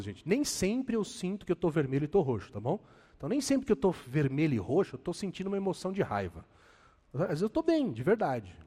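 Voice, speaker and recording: A Brazilian man preaching a sermon as a pastor, animated and speaking with self-deprecating humor. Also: on the high side, husky, in a large hall.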